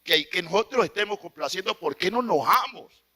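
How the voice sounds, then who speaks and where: A man preaching an impassioned sermon, swinging from loud exclamations to hushed, pleading asides. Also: high voice, lively intonation, fairly quick.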